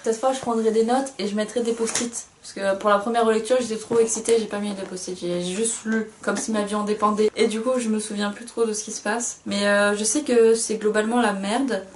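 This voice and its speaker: A woman's voice: mid-range voice, steady tone, a little fast, hardly any pauses. Young woman, book-review co-host, chatty and self-mocking, recorded in an echoey room with faint hiss. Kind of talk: casual chat book review.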